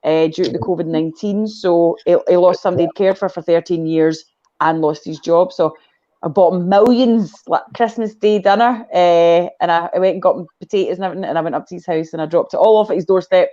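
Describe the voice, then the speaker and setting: A woman's voice: fairly low pitch, quick pace, warm tone, highs cut off. A Scottish woman chatting as a guest on a video call, telling a long story and drifting off on tangents. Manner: rambling storyteller, goes off on tangents. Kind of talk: casual chat.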